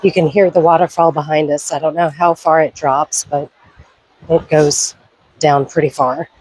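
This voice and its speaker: Woman vlogger, raspy and congested from a cold, upbeat trail chatter, dry close sound. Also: sits low, fairly even intonation, normal speed, a little mellow, no echo, low-quality recording. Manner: chatty, upbeat, pointing things out. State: head cold, stuffy. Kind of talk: casual hiking vlog. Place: outdoors on a forest trail near a waterfall.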